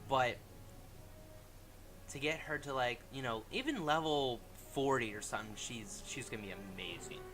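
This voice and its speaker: A man's voice: medium pitch, expressive, normal speed, music in the background. A man hosting a game walkthrough with casual commentary, thinking aloud informally.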